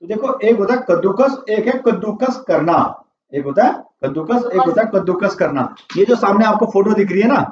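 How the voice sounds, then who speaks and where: An English teacher with a high, darkish voice runs a vocabulary lesson, quizzing his class and echoing their answers back. The classroom audio sounds roomy, distant and dull, with slight background noise.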